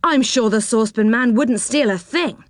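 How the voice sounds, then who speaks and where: Earnest loyal boy, a bit higher and pressing, read by a woman. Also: normal speed, no room sound, studio quality, lightly acted.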